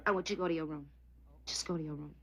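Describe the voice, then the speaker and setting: An actress playing an exasperated mother of two boys in a sitcom, loud and scolding. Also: low-pitched, steady tone, very fast, slight background noise. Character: frazzled, loud, bossy young housekeeper-mother. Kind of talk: sitcom acting.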